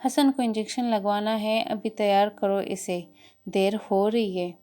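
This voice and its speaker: Woman narrator reading a curt, cold young husband, storybook reading, smooth clear tone. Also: mid-range voice, fairly even intonation, mellow, lightly acted. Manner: blunt, cold, matter-of-fact.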